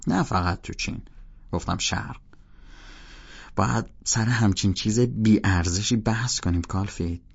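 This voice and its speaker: A man's voice: on the low side, creaky, slightly rough. A man doing a curt, dismissive young man. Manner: dry, dismissive, clipped. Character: smug older male college student, curt. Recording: dull lo-fi recording.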